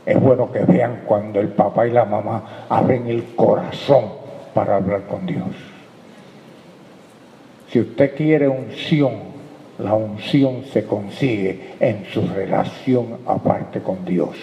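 A man preaching a sermon, calling for amens and dropping into hushed prayer. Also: fairly low pitch, takes it slowly, gravelly, slight background noise. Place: church hall. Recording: echoey hall, dull lo-fi sound.

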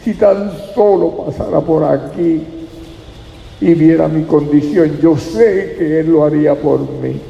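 A man's voice: on the high side, slow pace, gravelly, dark tone, reverberant, in a large hall, highs cut off. A man voicing a blind adult male beggar, pleading and crying out to be heard. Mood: hopeful pleading.

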